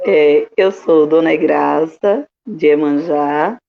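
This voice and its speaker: A woman, a religious priestess introducing herself slowly and earnestly on a live-streamed panel, with many fillers and tag questions. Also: sits low, vocal fry. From Cabedelo, Paraíba, Brazil. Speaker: Afro-Brazilian religious priestess, panel guest. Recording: dull lo-fi stream audio.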